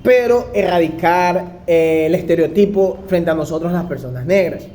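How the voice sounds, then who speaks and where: A young man telling a first-person anecdote in an animated way, acting out the voices of the people in it. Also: on the high side, normal speed, a little hiss or hum. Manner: animated, acts out quoted dialogue. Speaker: storyteller.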